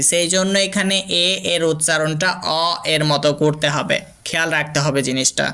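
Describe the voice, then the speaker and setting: A teacher from Bangladesh walks young children through English phonics in a bright, forceful voice. The tone is smooth and crisp, and each example word is spoken slowly and repeated so the class can follow. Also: medium pitch.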